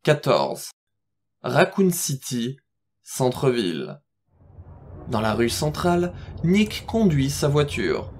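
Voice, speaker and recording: A man's voice: mid-range voice, sing-song, slow pace, a little mellow. A man narrating an audio drama from a script, describing scenes.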